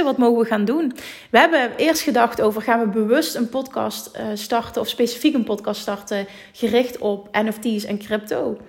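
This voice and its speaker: A woman from Limburg with a thick Limburg Dutch accent, co-hosting a casual, unedited podcast, chatty and quick to laugh, slipping in English phrases. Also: fairly high pitch, creaky. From Limburg, Netherlands. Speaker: podcast co-host.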